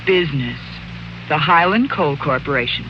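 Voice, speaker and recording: A woman's voice: low voice, lively intonation, normal speed. An actress playing a coy, flirtatious businessman's wife in a 1940s radio drama. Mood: guarded. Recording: dull, faintly noisy 1940s radio recording.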